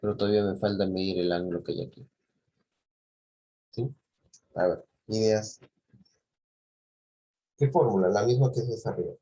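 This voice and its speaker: A man's voice: on the low side, steady tone, normal speed, pauses often, dark tone, breathy edge, highs cut off. A man teaching a math lesson, patiently walking students through a clock-angle problem and often checking that they follow. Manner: patient, asks "¿sí?" and "¿de acuerdo?" often, restarts phrases.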